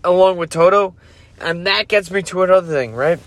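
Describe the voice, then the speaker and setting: This podcast host has a high voice and keeps a moderate pace, yawning sleepily as he rants casually. He rambles, drifts off topic and cuts himself off mid-thought.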